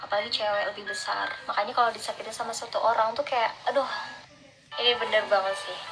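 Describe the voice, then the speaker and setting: A young adult woman with a soft r that slurs toward w, reading out motivational religious lines and commenting on them in an earnest, encouraging, casual way. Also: on the high side, low-quality recording. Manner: slurred r sounds, close to w. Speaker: vlogger. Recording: instrumental music behind the voice. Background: instrumental music.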